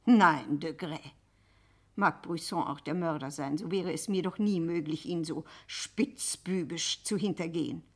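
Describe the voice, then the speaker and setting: Actress as a husky-voiced, dignified noblewoman. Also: on the low side, normal speed, hardly any pauses, close to an everyday voice. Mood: indignant. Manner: formal, emphatic, theatrical. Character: dignified, principled, troubled noblewoman. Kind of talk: German literary radio drama.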